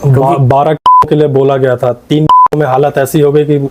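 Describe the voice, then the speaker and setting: A man who is a patient's relative, answering softly in an interview and readily agreeing with what is said. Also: medium pitch, level tone, a little hiss or hum. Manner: soft, agreeable, quick to affirm. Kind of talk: testimonial interview.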